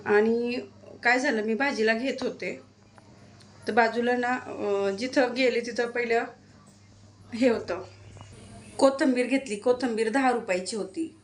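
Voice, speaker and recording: A woman's voice: on the high side, steady tone, a little slow, long pauses. A woman vlogger telling a story in casual chat, indignant and venting, switching into quoted Hindi lines. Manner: indignant, vents about a quarrel, mixes in quoted Hindi.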